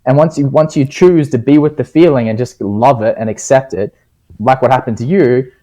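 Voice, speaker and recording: A man talking as a podcast guest, giving reflective advice in a calm, earnest way with casual slang. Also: mid-range voice, normal speed, muffled recording.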